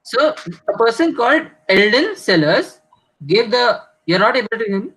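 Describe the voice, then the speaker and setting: A man with an Indian accent hosting an online quiz over a video call. His audio is glitchy and corrupted, and it keeps breaking up and cutting out as he reads each question slowly. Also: very high-pitched, sing-song, fairly bright tone, slightly rough, low-quality recording. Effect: glitchy, corrupted audio that breaks up and cuts out. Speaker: quizmaster.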